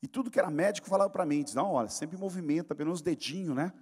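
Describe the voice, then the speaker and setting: High-voiced preacher in a reverberant church. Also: male voice, rapid-fire, slightly rough. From Brazil. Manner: storytelling, swelling into shouted exhortation. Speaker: pastor. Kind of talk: sermon. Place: church sanctuary.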